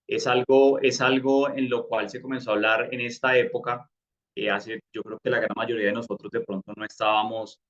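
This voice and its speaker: A man's voice: fairly low pitch, fairly bright tone, muffled recording. A man explaining a topic in a live online class, with frequent fillers and restarts. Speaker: crypto course instructor.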